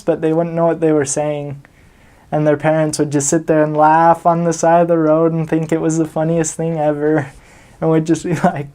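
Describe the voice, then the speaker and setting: A man's voice: fairly high pitch, creaky, warm tone. A young man from the United States casually telling anecdotes as a vlogger, chuckling often as he recalls them. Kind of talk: casual storytelling.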